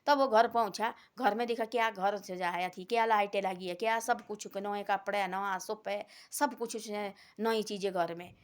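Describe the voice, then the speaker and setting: A woman's voice: mid-range voice, steady tone, normal speed, hardly any pauses. A woman casually telling a devotional folk story, rambling and repeating herself as she goes. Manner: rambling, repeats phrases, many restarts.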